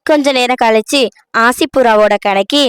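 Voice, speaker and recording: A woman narrating a children's cartoon moral story in a gentle storytelling manner. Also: on the high side, moderate pace, clean tone, dry recording.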